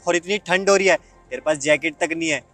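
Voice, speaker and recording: A man's voice: on the high side, a little fast, sharp tone, soft background music. A young man playing an arrogant, boastful rich man who insults his ex-girlfriend in a web skit. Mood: taunting. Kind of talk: Hindi web skit acting.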